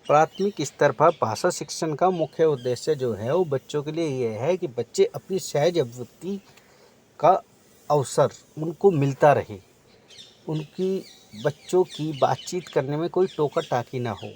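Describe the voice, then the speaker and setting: A man's voice: a little high, a little mellow, a little hiss or hum. A man teaching exam preparation, reading out multiple-choice options and then explaining the right answer.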